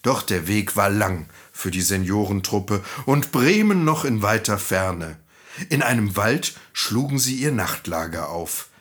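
A man reading a fairy tale aloud to children in a gentle, friendly, expressive manner. He takes his time, lets his voice rise and fall widely, and has a slightly husky tone. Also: on the low side, unhurried.

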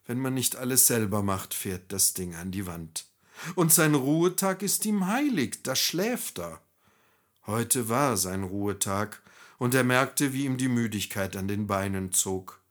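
A man narrating a scripted story in a wry, animated way. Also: mid-range voice, unhurried.

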